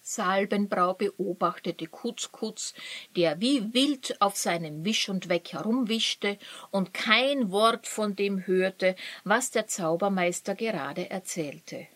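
A woman narrating a children's story in a calm, even storytelling manner. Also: medium pitch, slow pace, no room sound.

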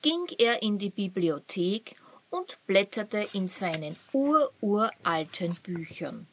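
A woman narrating a children's story in a calm, even storytelling manner. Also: mid-range voice, slow, a little hiss or hum.

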